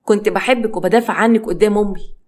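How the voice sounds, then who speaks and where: Bitter, cold husband in an Egyptian audio story, read by a woman narrator, quick delivery. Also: medium pitch, fairly even intonation, a little mellow, natural voice. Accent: Egyptian Arabic. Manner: bitter, reproachful.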